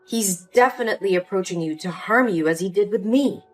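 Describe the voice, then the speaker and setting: A woman's voice: medium pitch, a little fast, lightly acted. A woman voicing an emotional young daughter pleading with her mother in a story drama, with faint music behind. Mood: upset.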